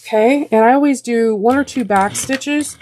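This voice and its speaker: Hosting a sewing tutorial, a woman talks through each step at a moderate pace, often stumbling into ums and restarts. Her darkish voice sounds slightly deeper and congested because of a sinus infection.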